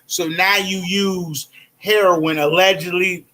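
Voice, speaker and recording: A man with a high, bright voice chats casually about gossip. His talk is slangy and full of laughter, and he keeps circling back to his point. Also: steady tone, takes it slowly.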